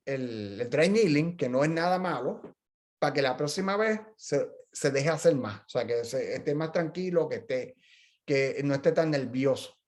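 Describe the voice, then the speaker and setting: A man's voice: mid-range voice, a little mellow. A middle-aged man, a physical therapist, talking casually in a journal club discussion and telling stories with frequent restarts. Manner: chatty storyteller, explains with frequent restarts.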